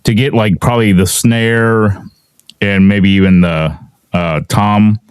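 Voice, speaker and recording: A man hosting a casual podcast, speaking haltingly with many "you know" and "I mean" fillers. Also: lowish voice, fairly even intonation, clean tone, dry recording. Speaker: podcast host.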